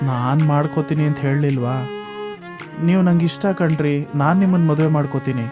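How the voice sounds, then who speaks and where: A man's voice: fairly high pitch, close to an everyday voice. An actor playing a tearful young man who keeps begging a woman to marry him, in a web series drama. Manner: pleading, repetitive. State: crying.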